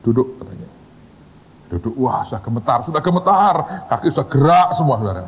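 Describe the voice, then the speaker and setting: A male pastor giving a sermon in a church hall, telling a story in a dramatic, animated way and speaking directly to the congregation. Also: mid-range voice, a little fast, slightly rough. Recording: muffled echoey hall recording.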